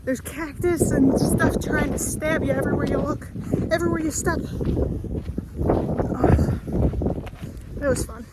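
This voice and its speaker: A woman's voice: sits high, steady tone, measured pace, long pauses. A young American woman vlogging casually on a hike, chatting cheerfully to her dog, recorded outdoors on a handheld phone. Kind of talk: casual outdoor vlog narration. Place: outdoors on windy desert hills. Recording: loud wind buffeting phone mic.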